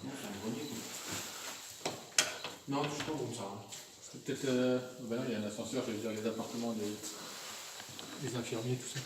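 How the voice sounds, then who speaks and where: A man speaks in casual, slangy bursts, uneasy and on the lookout as he explores. His voice sits at a middling pitch, far from the camera mic, in a hugely reverberant space with heavy noise. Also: fairly even intonation, fairly quick, pauses often. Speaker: urban exploration vlogger. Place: inside an abandoned hospital at night. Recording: very echoey, distant, noisy camera audio.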